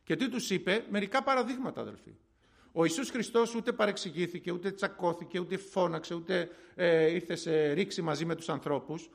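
A man's voice: sits high, vocal fry. A middle-aged man preaching a sermon in a conversational way, telling stories and asking and answering his own questions.

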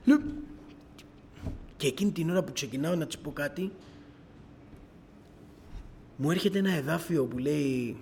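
Speaking to a church gathering, a middle-aged man recounts his personal testimony as a lively storyteller who often quotes what people said. His voice is fairly high and creaky, with long pauses, and there's slight background noise.

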